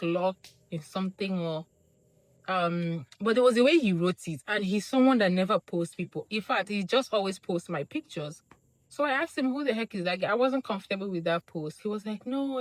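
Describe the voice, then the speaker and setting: A young woman vlogger from Nigeria telling a casual storytime monologue, acting out quoted lines with big jumps in her voice. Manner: animated, acts out quotes with big pitch jumps.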